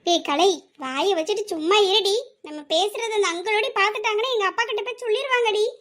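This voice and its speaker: A shy, evasive schoolgirl from an amateur audio drama, played by a woman. Her voice is very high, and she hedges and hushes her friend rather than answer straight. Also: fast talker. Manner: hesitant, shushing, evasive.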